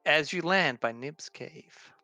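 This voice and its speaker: A man's voice: fairly high pitch, takes it slowly, bright, forceful tone, dry recording. A man narrating as dungeon master, with a loose, casual manner full of fillers. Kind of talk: narrating a tabletop game.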